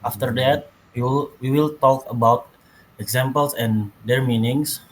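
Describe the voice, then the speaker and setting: A man's voice: mid-range voice, steady tone, unhurried, a little hiss or hum, low-quality recording. A young man from Indonesia, a student reading his presentation slides aloud, with small restarts. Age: young adult. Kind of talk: class presentation.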